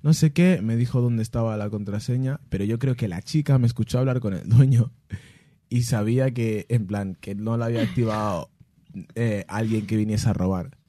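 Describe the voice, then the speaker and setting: A man, a musician answering fan questions in casual, animated storytelling, laughing and mimicking sounds and voices. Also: lowish voice, moderate pace, no room sound.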